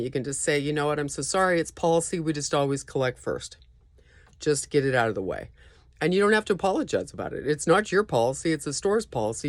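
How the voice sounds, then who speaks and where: Informal store trainer explaining procedures, instructive. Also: mid-range voice. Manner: instructive, checking in often with "okay?". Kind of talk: informal staff training walkthrough.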